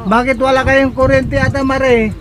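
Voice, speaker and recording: A man's voice: very high-pitched, level tone, a little slow. A man hosting a charity vlog, chatting casually and coaxing people with frequent laughs, outdoors at a house on a rainy day. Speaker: charity vlogger host. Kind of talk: casual on-location vlog talk. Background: background music.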